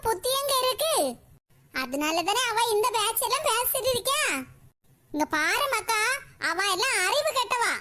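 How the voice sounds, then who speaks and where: Woman voicing a shrill, bossy old mother-in-law. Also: bright, forceful tone, heavily acted. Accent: Kanyakumari Tamil. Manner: scolding, fiery, uses rustic village slang. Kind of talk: animated comedy cartoon voice.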